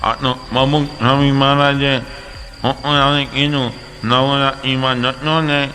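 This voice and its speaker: A man's voice: mid-range voice, level tone, slow pace, sharp tone, big-room sound, soft background music. A man with a Gujarati accent, a monk telling humorous stories in a religious discourse, acting out characters with changing voices. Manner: acts out characters with shifting voices. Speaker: monk storyteller.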